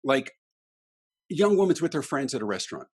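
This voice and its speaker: A man's voice: medium pitch, very animated, a little fast, darkish tone. A middle-aged man, a guest speaker on a podcast, talking emphatically in a ranting, example-filled way. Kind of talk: animated interview talk.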